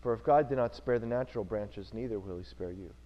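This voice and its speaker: A man's voice: fairly low pitch, quick pace, lo-fi sound. A male preacher giving an earnest sermon in church, repeating key phrases for emphasis.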